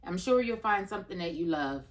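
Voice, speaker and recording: A woman in her thirties hosts a children's storytime, chatting straight to her young viewers in a friendly introduction. Her voice sits on the low side, with lively intonation and a fairly quick pace.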